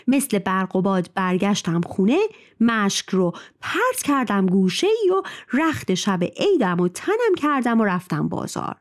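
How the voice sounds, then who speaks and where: A woman storyteller voicing a poor, quick-tempered male cobbler who brags loudly. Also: medium pitch, close to an everyday voice.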